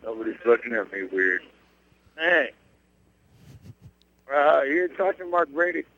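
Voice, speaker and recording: A man's voice: on the high side, big pitch swings, measured pace. A man calling in by cell phone from a bus, his voice coming through a tinny phone line that keeps breaking up. He chats loosely and calls people dude. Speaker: caller phoning in to a live show. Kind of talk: casual phone chat. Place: on a moving bus.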